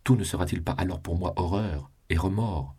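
A man voicing an anxious, loving provincial noblewoman in an audiobook, in soft, pleading lines. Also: low-pitched, normal speed, husky. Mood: anguished. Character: tender anxious noblewoman, a provincial mother in love.

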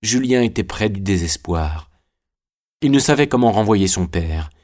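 A man reads a classic novel aloud as an audiobook. His low voice is measured and literary. He keeps a steady narrating tone throughout.

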